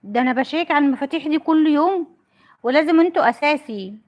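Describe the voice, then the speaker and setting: A woman's voice: high-pitched, animated, quick pace, lo-fi sound. A woman with an Egyptian Arabic accent chatting on a call while filming her child, doting and laughing often. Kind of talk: casual family vlog on a phone call.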